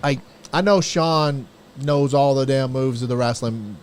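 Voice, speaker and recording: A man's voice: mid-range voice, a little slow. A man hosting a talk show in a casual, folksy, informal way. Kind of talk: casual chat.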